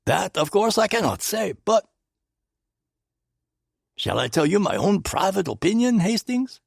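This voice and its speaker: Man voicing a placid older Belgian detective, higher than his own voice, husky, precise, French phrases, audiobook. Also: a little slow, dry recording, clean studio sound, exaggerated voice. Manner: calm, amused, precise, drops French phrases. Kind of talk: audiobook character voice.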